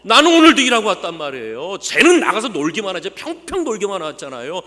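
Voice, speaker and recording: A man's voice: medium pitch, expressive, brisk, crowd noise, lightly acted. A man voicing an angry young older brother who complains that he worked while his brother wasted everything. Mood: furious shouting. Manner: shouting, indignant complaints. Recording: long church hall reverb.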